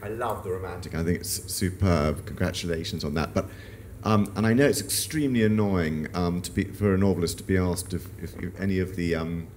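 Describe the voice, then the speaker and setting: A man from the audience starts his question haltingly and stammers. His voice is deep. A faint hum sits behind him. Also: darkish tone. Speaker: audience member asking a question. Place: festival audience.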